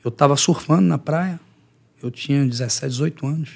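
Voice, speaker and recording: Guy, middle-aged, gravelly voice a bit on the high side, acts out everyone in his stories. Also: a little fast. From Rio de Janeiro, Brazil. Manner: lively storyteller who acts out the voices of others. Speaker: guest, jiu-jitsu teacher and fighter. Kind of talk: podcast interview storytelling.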